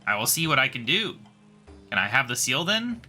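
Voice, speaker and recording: An earnest, polite young adventurer speaks in a bright, lively voice, read by a man. The tone stays eager and heroic for a game playthrough. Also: medium pitch, normal speed, faint music behind.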